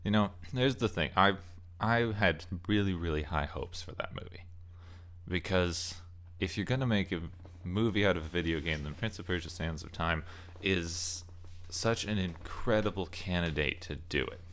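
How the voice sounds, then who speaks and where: With a deep voice, a fairly bright tone, and a normal pace, a man reviews games in casual, loosely scripted commentary. A video essayist by trade, he shares opinions, drifts a little, and stresses important words.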